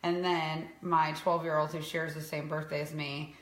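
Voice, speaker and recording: A woman's voice: sits low, level tone, normal speed, a bit bright. Rambling woman in her thirties doing makeup. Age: 30s. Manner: rambling, talks to viewers as ladies. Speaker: makeup artist co-host. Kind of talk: casual makeup demo chat. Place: sunny home room. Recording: echoey room.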